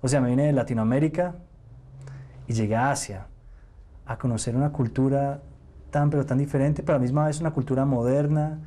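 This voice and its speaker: Young man from Nicaragua, mellow voice. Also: medium pitch, fairly even intonation, a little fast, pauses often. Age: young adult. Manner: casual, reflective, with fillers and restarts. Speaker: mentalist interviewee. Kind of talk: interview answers. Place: TV studio set.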